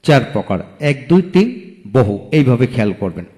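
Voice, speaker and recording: A man teaching an English lesson on video, slowly repeating each word twice. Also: medium pitch, sing-song, warm tone, long reverb tail. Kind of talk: video lecture.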